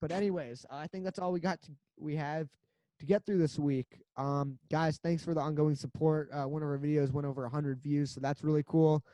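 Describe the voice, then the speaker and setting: Man, podcast co-host, slightly high voice, rambling and joking, dry close sound. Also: fairly even intonation, a little fast, warm tone, no echo. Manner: rambling, joking, laughs often. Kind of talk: casual sports chat.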